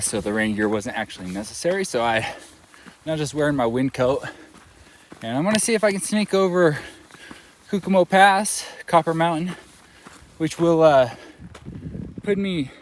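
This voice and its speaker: A man talking casually to his camera while hiking a mountain trail, rambling with lots of fillers, outdoors with rain and hail around him. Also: fairly high pitch. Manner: relaxed, rambling, with many fillers. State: a little out of breath. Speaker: thru-hiker vlogger. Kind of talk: casual trail vlog narration. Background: light rain, wind and hail.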